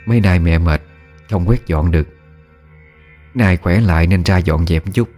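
A man's voice: sits low, moderate pace, dark tone, faint music behind. A man voicing a tired, homely older village mother speaking plainly.

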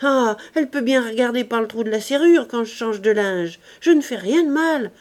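A woman voicing a shrill, outraged young wife. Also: expressive, normal speed, darkish tone, close to an everyday voice. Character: indignant young bourgeois wife, proud.

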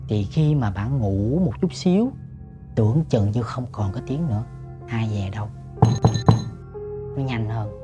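A man telling a ghost story, dropping to hushed murmurs and jumping to sudden shouts, talking straight to his listeners. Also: lowish voice, lively intonation, unhurried, pauses often, muffled recording, music in the background. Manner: addresses listeners directly.

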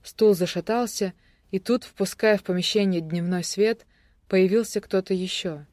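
A narrator giving a steady, even audiobook reading of a thriller. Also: medium pitch, moderate pace, no echo, studio quality.

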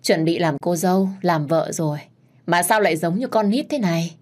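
A woman voicing a gentle, resigned young woman who speaks softly. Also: on the low side, normal speed, close to an everyday voice. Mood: subdued.

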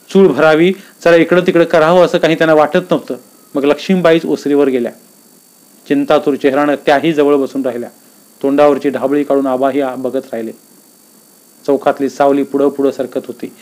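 A man reading a story aloud in a calm, measured, descriptive way. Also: mid-range voice.

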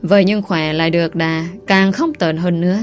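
A woman narrating a story in a steady, expressive storytelling voice. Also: fairly low pitch, normal speed, soft background music.

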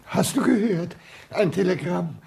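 A man's voice: high-pitched, lively intonation, a little slow, gravelly, darkish tone, full character voice. An actor playing an eager man in a radio drama, speaking in an agitated rush. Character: anxious man greeting a returning courier.

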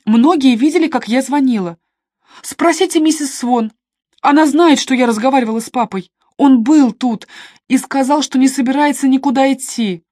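Woman doing a distraught young woman, shrill, tearful, high and loud, audiobook, dry sound. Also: normal speed, dry recording. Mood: pleading. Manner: shrill pleading outbursts. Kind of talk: audiobook character reading.

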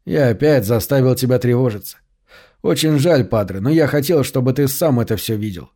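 A man's voice: mid-range voice, animated, a little fast, lightly acted. A man reading the lines of a grown son with an everyday male voice. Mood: calm. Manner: desperate, pleading shouts. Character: grown son, frantic then commanding.

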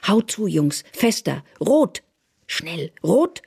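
A reader voicing a fierce young woman interrogator who shouts harsh demands, with a husky voice, in a radio drama. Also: mid-range voice, expressive, slow pace, no echo, studio quality, pitched above the performer's own voice, full character voice. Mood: shouting fury. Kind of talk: German radio drama reading.

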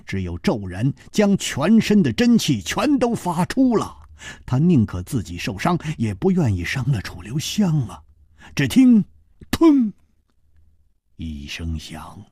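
Husky man telling a dramatic tale. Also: mid-range voice, dry recording, studio quality. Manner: theatrical, swinging from loud bursts to hushed whispers. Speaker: storyteller. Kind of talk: dramatic martial-arts audiobook narration.

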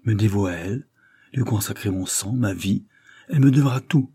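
A man's voice: on the low side, normal speed, mellow, breathy edge. A man voicing an impassioned, lovestruck young nobleman in a read-aloud novel, eager in manner. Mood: exalted.

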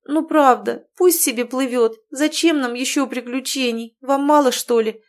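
A woman's voice: high-pitched, normal speed, voice pushed up, close to an everyday voice. A woman voicing a young woman who pleads tearfully with her friends in an audiobook. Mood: pleading.

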